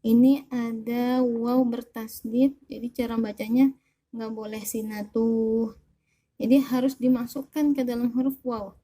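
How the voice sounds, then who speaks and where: Indonesian woman, religious reading teacher, very soft mellow tone, higher-pitched, over-enunciated syllables, instructional delivery. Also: level tone. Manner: over-enunciating, deliberately stretched and stressed syllables. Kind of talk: slow instructional lesson with recitation demonstrations.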